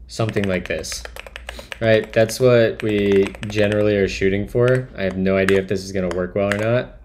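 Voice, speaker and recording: A man's voice: low-pitched, a little hiss or hum. A man live-coding on a stream, thinking aloud and talking to chat in a musing, trailing-off way as he types.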